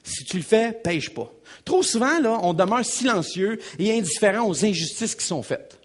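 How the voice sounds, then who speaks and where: A Québécois pastor delivering a sermon, his slightly raised voice swinging widely up and down. He preaches emphatically, repeats key phrases and speaks straight to his listeners, with a husky edge to his tone. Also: sits high, normal speed. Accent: Québécois French. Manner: animated, emphatic preaching with repetitions and asides to the congregation.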